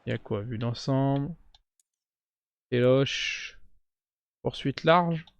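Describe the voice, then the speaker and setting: A man giving casual let's-play commentary, chatting straight to his viewers and breaking into cheers and shouts during big plays. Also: mid-range voice, slow, creaky, clean tone. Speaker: gaming YouTuber.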